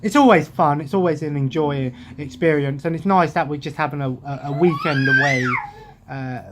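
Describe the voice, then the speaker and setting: Sitting on his living room sofa, a young English gaming vlogger chats to his webcam up close, drifting off track and restarting sentences. His voice sits on the high side with huge pitch swings at normal speed. Heavy background noise runs under the recording.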